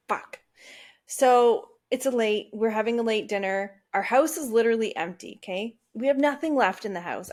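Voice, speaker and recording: A woman hosting a podcast, telling a personal story casually and animatedly, swearing freely and acting out her own reactions. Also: fairly high pitch. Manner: checks in with the listener often. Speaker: podcast host.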